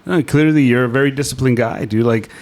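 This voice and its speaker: This man hosts a casual interview, and his voice sits at an ordinary male pitch. He talks in a friendly, conversational way and often thanks and praises his guest. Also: brisk, darkish tone. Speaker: host.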